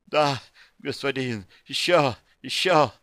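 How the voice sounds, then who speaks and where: A man's voice: medium pitch, steady tone, measured pace, a bit bright, clear, resonant tone, no echo, studio quality, lightly acted. A man voicing a young female demoness who pleads breathily and trembles, read as an audiobook. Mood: pleading breathless.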